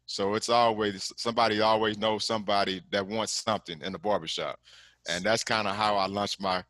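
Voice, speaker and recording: Guesting on a casual video-call interview, this middle-aged Texan from Galveston works as a commercial lender and rambles easily, often saying "man" and "you know what I'm saying." His voice is fairly low and steady, a little fast, with a fairly bright tone. There's no room sound.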